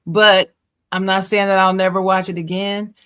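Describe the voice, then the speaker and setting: A woman's voice: medium pitch, level tone, normal speed, a bit bright, clear, resonant tone. Woman podcast co-host, frank and opinionated, mid voice, laughs easily. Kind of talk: casual chat.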